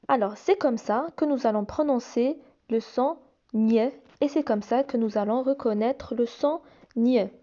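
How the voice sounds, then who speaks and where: A woman teaching young children to read, sounding out each syllable slowly and repeating it. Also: high voice, mellow, muffled recording. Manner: slow, deliberate, repeats and stretches each sound. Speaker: reading teacher. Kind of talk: slow phonics lesson for young children.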